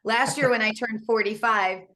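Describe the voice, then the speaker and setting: A woman's voice: a little high, normal speed, pushed and bright. Candid woman in her forties on a video call. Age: 40s. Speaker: author and coach guest. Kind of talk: casual interview on a video call.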